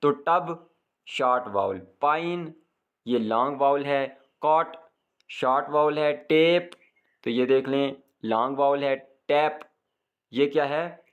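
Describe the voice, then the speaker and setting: Guy teaching a kids' english lesson, reads the english slow then explains it. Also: medium pitch, fairly bright tone, clean tone. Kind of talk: textbook lesson, translating into Urdu.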